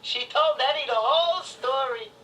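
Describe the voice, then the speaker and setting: An actor voicing an excitable young male cartoon rabbit, narrating a storybook read-along in a high, wild, lisping voice. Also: moderate pace, far from the mic, crowd noise, low-quality recording. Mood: excited.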